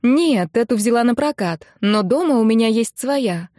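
A confident young woman speaks in an assured, lightly cheerful way, a touch higher than the narrator. A woman reader voices her in a close, dry audiobook recording. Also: lively intonation, normal speed, dark tone, no echo, lightly acted. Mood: friendly. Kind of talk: audiobook character voice.

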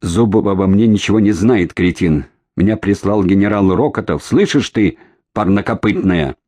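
A man reading an audiobook, voicing an angry, shrill female agent who curses and gives orders. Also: animated, normal speed, a little mellow, slightly rough. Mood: furious. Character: furious cornered female agent.

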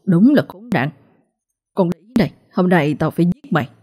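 A woman's voice: fairly low pitch, expressive, moderate pace, mellow, breathy edge. A woman voicing a cold-blooded, murderous husband who snarls and sneers. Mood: vicious sneering.

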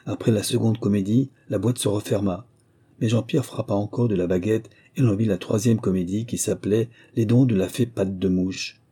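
A man calmly narrating a fairy tale audiobook in a measured storytelling manner. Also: fairly low pitch, breathy edge.

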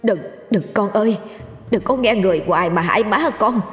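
A woman with a Southern Vietnamese accent voicing a demon spirit inside a mother, pleading and whimpering in a higher, softer voice. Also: a little fast, roomy sound, in a large hall, soft background music, lightly acted.

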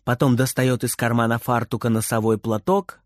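A man reading a children's story aloud in a lively, theatrical way. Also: mid-range voice, normal speed, no room sound, studio quality. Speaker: narrator.

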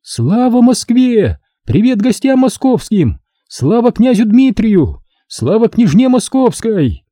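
A proud young woman, as a man puts her on cries out ringing proclamations in a high, carrying voice. The tone is husky and dry. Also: very animated, slow, few pauses, mellow, no echo, exaggerated voice. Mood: proclaiming. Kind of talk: audiobook reading.

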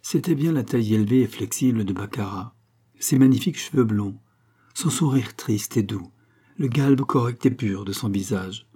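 A man reading a classic novel aloud as an audiobook narrator, in a steady, measured way. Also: lowish voice, slightly rough. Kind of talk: scripted narration.

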